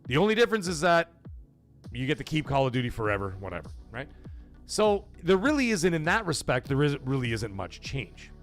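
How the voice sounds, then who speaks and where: A man hosts a gaming livestream over faint background music, his fairly high, sing-song voice moving fairly quickly. He argues his point casually and emphatically to chat, persuasively checking in with "okay?" and "right?".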